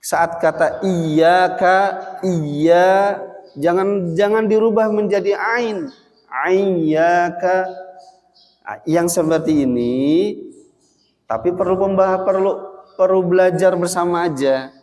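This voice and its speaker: Slow-spoken teacher in an echoing mosque. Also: male voice, sits high, darkish tone. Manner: recites Arabic slowly to show pronunciation; explanatory, addresses the congregation directly. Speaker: Islamic teacher. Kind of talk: mosque study lesson. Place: mosque hall. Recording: long reverb of a mosque hall.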